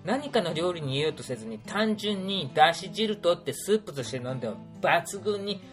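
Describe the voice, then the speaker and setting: Playful storyteller with lively pitch. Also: fairly quick, over music. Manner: playful, punning, adds sound effects. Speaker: tour organizer recounting a trip. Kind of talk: casual spoken trip recap.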